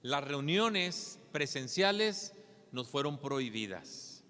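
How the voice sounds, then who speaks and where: Earnest pastor preaching in reverb. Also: male voice, medium pitch, big pitch swings, takes it slowly, bright, forceful tone. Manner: earnest, asks rhetorical questions with a tag "¿verdad?". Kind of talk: sermon.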